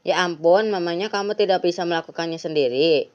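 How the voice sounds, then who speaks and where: A woman's voice: lowish voice, a little fast, lightly acted. A worried, fussing mother, voiced by a woman, scolding her son. The recording sounds dull and lo-fi.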